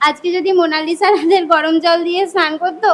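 A woman's voice: high-pitched, moderate pace, slight background noise, close to an everyday voice. An actress playing a doting, dramatic middle-aged mother-in-law who gushes and talks of herself by name. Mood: tearful. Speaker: mother-in-law visiting her daughter.

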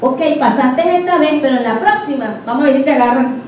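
A woman with a Venezuelan accent teaches a group conversationally, often putting questions directly to her listeners. Her high-pitched voice is animated, a little fast and a little mellow. The room is echoey, the mic distant and dull, with slight background noise.

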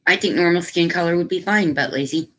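A chatty woman with a low voice hosts a relaxed craft livestream from home. She talks easily with viewers and lapses into doting baby talk with her pets. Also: fast. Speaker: craft channel host. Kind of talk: casual livestream chat.

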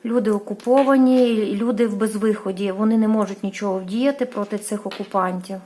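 A woman's voice: mid-range voice, fairly even intonation, brisk, dark tone, slight background noise. A woman from Ukraine giving a casual tarot reading, hesitant, with many fillers and restarts, apologizing for how she says place names. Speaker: tarot reader.

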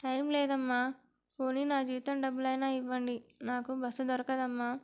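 A woman's voice: high-pitched, completely flat delivery, moderate pace, a little mellow, clear, resonant tone. A blunt, pleading housemaid, voiced by a woman narrator. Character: poor housemaid, plain-spoken and stubborn.

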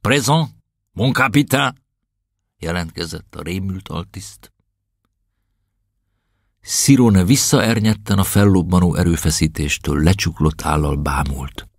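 A man narrating a novel as an audiobook, in an expressive, dramatic storytelling manner. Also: sits low, breathy edge, dry recording, studio quality.

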